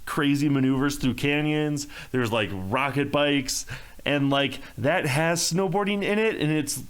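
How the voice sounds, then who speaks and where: A man's voice: fairly high pitch, a little slow, a bit bright, clean tone. A man co-hosting a casual video game chat show, laid-back and rambling, swearing casually. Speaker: podcast co-host.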